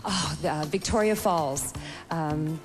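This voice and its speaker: A woman's voice: deep voice, slow pace. A young American woman giving a poised, chatty pageant answer in an on-stage interview. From United States. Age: young adult. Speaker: pageant contestant, fitness show host. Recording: music behind the voice.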